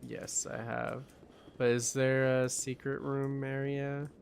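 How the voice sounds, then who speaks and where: Tired streamer muttering, gravelly. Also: male voice, mid-range voice, little pitch movement, slow, slight background noise. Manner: mumbling to himself, musing. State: tired, yawning. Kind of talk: casual live-stream gaming chat. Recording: game music under the voice. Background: game music.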